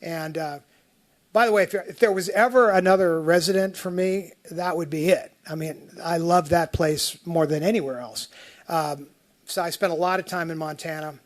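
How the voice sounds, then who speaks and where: Brief: male appellant giving testimony, somewhat high voice, chatty and rambling, keeps restarting sentences. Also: normal speed. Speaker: taxpayer appellant testifying at a tax appeal hearing. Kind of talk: spoken testimony walking through slides.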